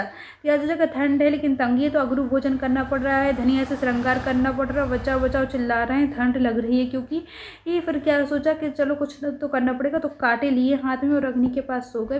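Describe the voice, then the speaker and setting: High-voiced woman teaching with playful mnemonics. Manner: playful storytelling with repetition and self-corrections. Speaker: ayurveda teacher. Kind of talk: mnemonic lesson explanation.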